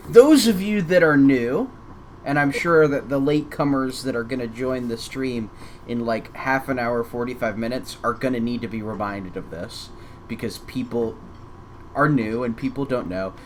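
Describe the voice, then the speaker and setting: A man of average pitch talks casually as co-host of a live gaming stream, rambling and leaning on filler words. Faint noise sits behind his voice. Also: unhurried.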